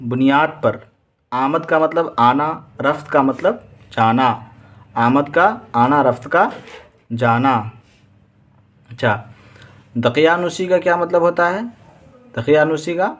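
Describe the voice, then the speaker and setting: A man with an Indian Urdu accent teaching exam vocabulary. He reads each word with its meaning, repeats it and quizzes his students. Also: mid-range voice.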